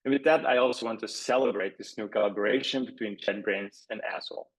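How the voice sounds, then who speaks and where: A man from Belgium hosting a webinar as a developer advocate, speaking in a measured, welcoming way. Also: lowish voice, slightly rough, rough recording. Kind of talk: webinar introduction.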